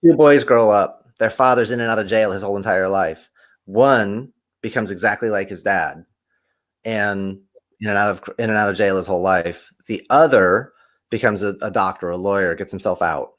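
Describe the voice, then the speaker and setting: A man, a podcast guest, telling stories animatedly in conversation and acting out quoted voices with big swings in pitch. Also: normal speed. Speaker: podcast guest, kung fu teacher.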